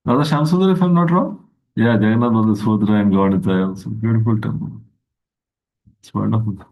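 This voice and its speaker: A man giving a slow, reflective spiritual talk over a video call, lifting his pitch for emphasis. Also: gravelly, phone-quality sound. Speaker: guest speaker.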